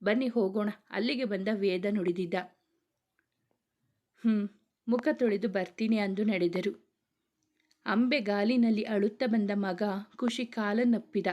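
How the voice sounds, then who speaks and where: A woman narrates a romantic family story at a steady, even pace. She reads the dialogue of every character in her own everyday voice rather than acting it out. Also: mid-range voice, a little slow, long pauses, muffled recording. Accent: Kannada.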